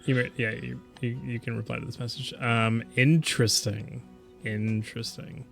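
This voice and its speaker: A man's voice: mid-range voice, flat delivery, moderate pace, creaky, a bit bright, faint music behind. A man running a tabletop game as game master, candid and correcting himself as he talks.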